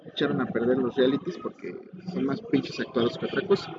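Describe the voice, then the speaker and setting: A man's voice: medium pitch, fairly even intonation, a little fast. Slangy Mexican man ranting over noisy audio. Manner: slangy, foul-mouthed. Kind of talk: casual opinionated rant. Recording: muffled lo-fi audio, clear vehicle noise.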